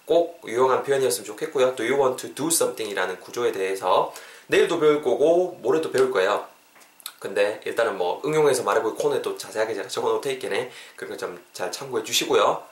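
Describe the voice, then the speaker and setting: A man hosting a podcast English lesson. He jokes playfully, switches between Korean and English, and drills pronunciation by slowly repeating short phrases. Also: mid-range voice, animated. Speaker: English teacher and podcast host. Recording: echoey room, distant mic.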